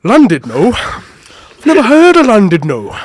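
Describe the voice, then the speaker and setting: A cranky Welsh local man, as a podcaster puts him on, loud and raised high above his usual voice. He snaps indignantly in a broad, deliberately clumsy Welsh accent, like a quick impression in a story. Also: huge pitch swings, no room sound, exaggerated voice. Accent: Welsh, put on badly. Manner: indignant, shouting. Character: grumpy Welsh local man giving directions.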